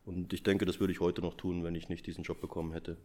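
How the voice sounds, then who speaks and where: Low voiced guy, school caretaker getting interviewed, chatty storytelling answers. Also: little pitch movement, fast talker, warm tone. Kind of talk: relaxed interview answers with anecdotes.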